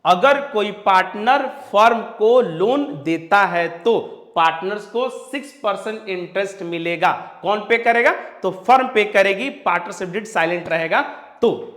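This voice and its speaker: The speaker is a man from India whose voice is high-pitched and fairly bright, and he talks a little slowly. He's giving a commerce lecture in Hindi peppered with English terms, questioning students and repeating his points. The recording carries a roomy echo.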